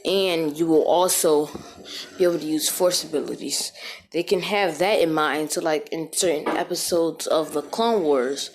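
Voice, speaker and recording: A woman gives a rambling gameplay voiceover from an echoey room, her voice bouncing off the walls. Her voice sits fairly low, and she talks casually, stopping and restarting her sentences often. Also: moderate pace, slight background noise. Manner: rambling, many fillers and restarts. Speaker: gaming video creator. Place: echoey room, different from usual.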